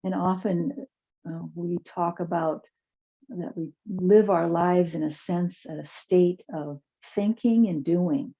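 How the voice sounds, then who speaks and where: Female yoga instructor, lowish creaky voice, soft unhurried guided-relaxation delivery, slightly muffled lo-fi recording. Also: fairly even intonation. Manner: soft, soothing, unhurried guidance with pauses. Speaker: chair yoga teacher.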